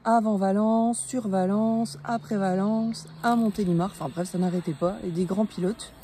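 A woman's voice: medium pitch, steady tone, dark tone. Chatty French woman vlogging from a camper van. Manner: chatty, many filler pauses. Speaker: travel vlogger. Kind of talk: casual vlog narration. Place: camper van and outdoor campsite. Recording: noisy road and vehicle background.

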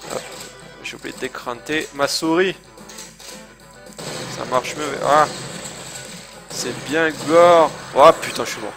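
A man's voice: medium pitch, moderate pace, gravelly, pauses often, music in the background. A man streaming a video game live, talking casually and hesitantly, swearing and poking fun at himself. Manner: chatty, hesitant, swears, self-mocking. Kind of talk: casual live gameplay commentary. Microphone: desk microphone, speakers playing game sound.

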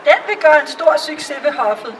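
A woman voicing a pompous male court cavalier in a storybook reading, formal and a little lower. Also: animated, fairly bright tone, recorded from a distance, some chatter behind, slight background noise, low-quality recording.

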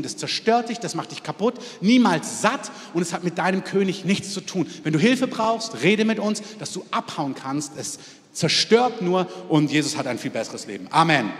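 A man preaching a sermon as pastor, with emphatic lines and a repeated "Amen". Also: fairly high pitch. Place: church hall. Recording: long hall reverb.

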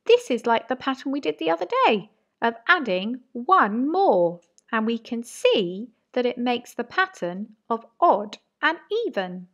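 Woman teaching little kids maths, slow and bouncy, voice goes up and down a lot. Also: fairly high pitch, fairly bright tone, lo-fi sound. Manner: slow, sing-song, encouraging teacher talk. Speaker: reception teacher. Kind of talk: home learning maths lesson for young children.

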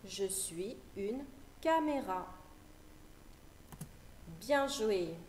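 Woman teacher, phonics lesson for small kids, very slow careful delivery, each word repeated, echoey room, faint background hum. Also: medium pitch, expressive, darkish tone. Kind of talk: phonics lesson for young children.

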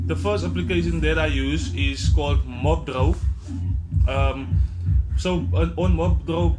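A man in his twenties with an Afrikaans-tinged South African accent, chatting casually to camera as a blunt, slangy vlogger. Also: on the high side. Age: 20s. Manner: blunt, slangy, mildly sweary. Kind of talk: casual tutorial chat to camera. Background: music.

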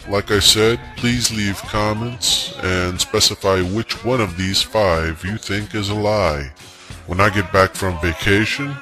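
A man in his forties talking to viewers in a slow, wry monologue, his voice altered into a disguised deep voice. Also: sharp tone. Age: 40s. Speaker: vlogger.

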